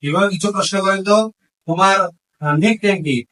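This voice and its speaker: Quizzing his students and repeating what they answer, a man explains how to form English questions, moving between Bengali and English. He speaks briskly in a high-pitched, fairly bright voice, far from the mic on a low-quality recording.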